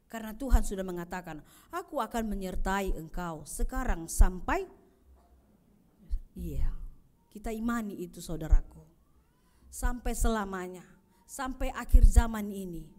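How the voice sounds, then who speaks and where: A woman pastor giving an Easter sermon, swinging between loud calls and soft low passages and asking the congregation questions.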